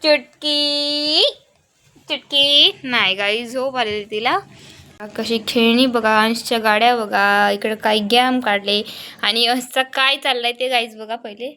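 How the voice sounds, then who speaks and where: A woman's voice: a little high, steady tone, normal speed, pushed and bright, clear, resonant tone. A young woman, a mother from Maharashtra, chatting casually to viewers in a family home vlog, often cooing to her baby. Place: home, indoors.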